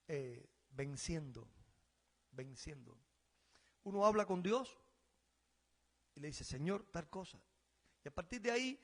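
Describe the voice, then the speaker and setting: Cuban man, pastor preaching, Cuban Spanish accent, very high voice, swings between loud and soft. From Cuba. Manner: emphatic preaching, rising loud on key phrases, then dropping quiet. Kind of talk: sermon.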